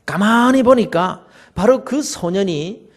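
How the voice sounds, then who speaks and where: A male pastor, telling stories in a sermon and swinging from loud to soft. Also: sits high, animated, slow. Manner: storytelling, dramatic shifts between loud and soft.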